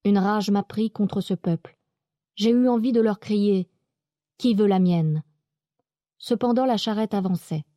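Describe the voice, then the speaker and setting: A woman reading a classic novel aloud in calm, even first-person narration. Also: mid-range voice, normal speed, no room sound, studio quality.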